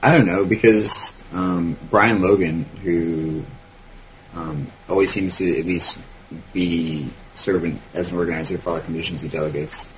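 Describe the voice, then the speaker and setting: A man talking slowly and hesitantly in a casual group call, with many ums. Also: low-pitched, steady tone, fairly bright tone, a little hiss or hum. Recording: dull lo-fi online call audio.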